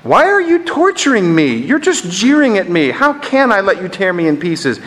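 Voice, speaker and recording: Picture a tormented ghost, panicked and begging, his voice jumping high and tight with fear as a preacher acts him out. Each plea rings through a large reverberant hall. The whole thing is read aloud from the pulpit. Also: sing-song, moderate pace, fairly bright tone. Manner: high, strained, panicky cries. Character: terrified, pleading male ghost in torment.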